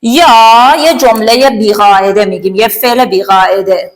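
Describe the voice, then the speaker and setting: A woman teaching an English grammar lesson, chatty and playful, giving verbs voices and drilling word pairs slowly. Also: a little high.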